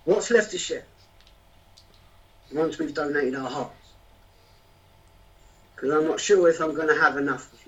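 A man with a high-pitched voice performs spoken-word poetry in a rhythmic, rhyming flow. Between pieces he chats hesitantly, full of ums. He sounds distant from the mic, on a dull, lo-fi recording. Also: fairly bright tone.

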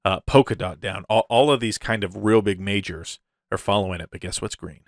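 A crypto video host, speaking a little fast in a voice on the low side, gushes through a casual update in crypto-bro fashion, chuckling as he talks. The recording is dry and clean, studio-grade.

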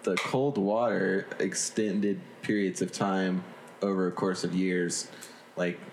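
A man's voice: low voice, flat delivery, slow pace. A man, co-hosting a casual group podcast and joking around with silly voices. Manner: jokey, does silly voices. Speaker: podcast co-host. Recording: echoey room with faint noise.

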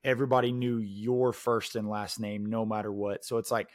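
A man in his late twenties telling stories in a casual, animated chat and acting out the people in them. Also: on the low side, normal speed, no room sound, studio quality. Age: late 20s. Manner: animated storyteller, full of "dude" and "like".

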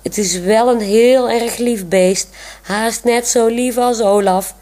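A woman's voice: fairly high pitch, takes it slowly, darkish tone, voice pushed up. A woman reading aloud voices a bubbly, affectionate young woman who teases playfully. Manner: giggly, teasing.

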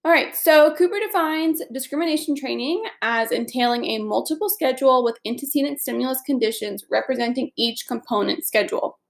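A woman's voice: sits high, creaky. A young woman with a stuffy, nasal voice hosting an upbeat, chatty study podcast lesson. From Atlanta, US South. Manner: upbeat and chatty, laughs easily. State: stuffy, congested. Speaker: podcast host.

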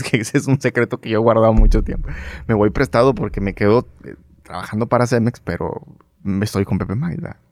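Male journalist, middle-aged, northern Mexican accent, low-pitched, chatty anecdotal guest, dry close mic. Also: dry recording. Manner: animated anecdotal storyteller, acts out quoted dialogue, frequent fillers. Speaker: interview guest, broadcast journalist. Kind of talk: casual storytelling interview.

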